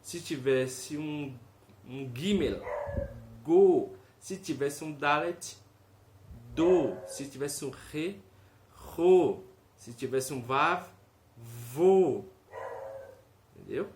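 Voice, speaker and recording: A man's voice: fairly high pitch, unhurried, a bit bright. A man giving a casual video lesson, explaining step by step, often checking in with "ok?" and sounding out each vowel aloud. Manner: explanatory, tag questions, demonstrates sounds aloud. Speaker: teacher. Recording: echoey room, faint noise.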